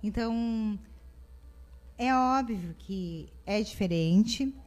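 A woman's voice: mid-range voice, drawn-out words. A woman family therapist, explaining parenting advice in casual talk and acting out what parents and children say. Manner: warm explanatory, acts out parent and child quotes.

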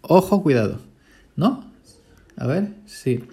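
Middle-aged Spaniard, farm laborer hosting a loose chatty podcast, a touch high in pitch. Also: male voice, expressive, slow, dark tone, husky. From Spain. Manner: chatty, eats while talking. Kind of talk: casual rambling podcast monologue.

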